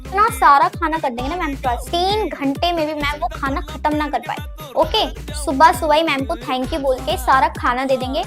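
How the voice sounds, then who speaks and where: A woman acting out comedy sketches, lively and scheming, talking straight to viewers. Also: high voice. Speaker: sketch performer playing schoolgirls and a maid.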